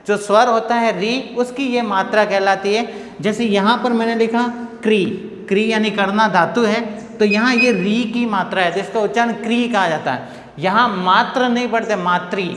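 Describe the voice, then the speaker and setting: A man's voice: high voice, fairly bright tone. A man teaching a grammar lesson at a board, patiently repeating points and asking questions he answers himself. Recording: echoey room with long reverb.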